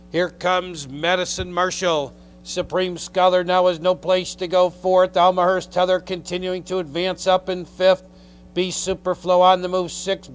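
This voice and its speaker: A horse race caller announces a live harness race from the racetrack, running through the field in clipped phrases that list horses and their positions. His voice sits high with a clean tone.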